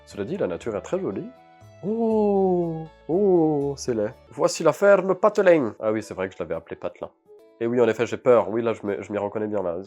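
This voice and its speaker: Un homme qui commente sa partie de jeu vidéo avec humour, dans un langage faussement pompeux et ironique. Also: male voice, lowish voice, expressive, rapid-fire, a little mellow, faint music behind. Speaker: streamer de jeux vidéo.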